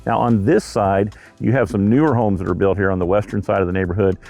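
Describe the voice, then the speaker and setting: Gravelly low-voiced man giving a tour. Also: fairly even intonation, fast talker, dark tone, soft background music. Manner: chatty, rambling with frequent "uh" fillers. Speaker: real estate agent. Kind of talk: casual home and neighborhood tour. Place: outdoors on neighborhood streets.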